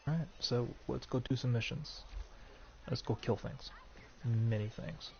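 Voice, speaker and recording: A man with the hiccups streams a video game, giving chatty, rambling, jokey commentary as he plays. His creaky medium-pitched voice is fairly even and moderately paced, captured on a dull lo-fi mic with a noisy background.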